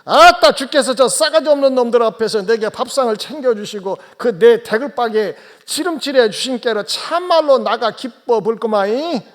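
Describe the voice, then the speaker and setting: A man's voice: very high-pitched, expressive, voice pushed up. A man voicing a cheerful rustic countryman with a South Jeolla dialect, reciting a psalm with folksy exclamations. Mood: delighted. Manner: exclaiming, drawn-out folksy drawl.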